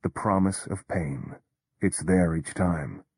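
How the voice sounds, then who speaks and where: A deep, husky male voice with a darkish tone recounts a first-person story, keeping the delivery measured and never overdone. The close, dry recording has no room sound at all.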